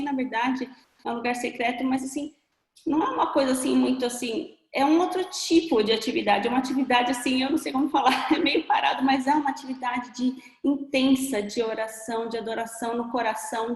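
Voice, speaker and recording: A woman guest shares her faith in a casual talk. She speaks gently in a slightly high voice and stops now and then to find her words. The room is echoey, and a long reverb trails her voice.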